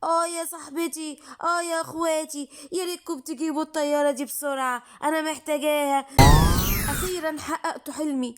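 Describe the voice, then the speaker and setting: A woman's voice: high-pitched, steady tone, fairly quick, soft background music. A woman with an Egyptian accent voicing a weary, ailing old witch in a children's bedtime cartoon, pleading and tired. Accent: Egyptian Arabic.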